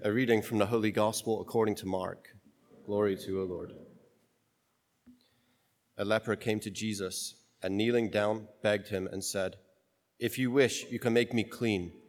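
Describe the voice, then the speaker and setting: A priest reading the gospel and then preaching in a casual, joking way, his voice ringing with a long cathedral-like echo. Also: fairly low pitch. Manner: casual, joking, thinks aloud with restarts.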